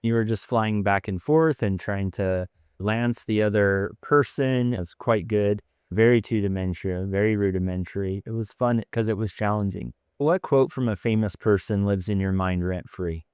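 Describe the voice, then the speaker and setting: A male podcast host talks in a chatty, enthusiastic way. His voice is low and smooth, and the recording is dry. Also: moderate pace, darkish tone, dry recording. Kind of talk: interview podcast.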